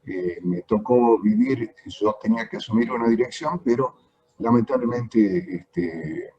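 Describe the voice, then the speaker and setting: Middle-aged man, Tucumán accent, earnest and deliberate, husky, choppy bad-connection video-call audio. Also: medium pitch, dark tone, muffled recording. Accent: Argentine Spanish, Tucumán. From Tucumán, Argentina. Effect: breaking up over a bad video-call connection. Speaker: technical education teacher, call participant. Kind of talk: remarks in an online meeting.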